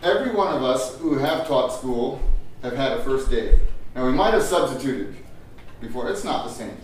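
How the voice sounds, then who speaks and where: Leading a workshop for teachers, an older trainer speaks in an animated, medium-pitched voice slightly strained by a cough. He chats freely, laughs a lot and often restarts his sentences while addressing an audience. The big room echoes heavily, his voice seems distant, and there's a faint hiss or hum.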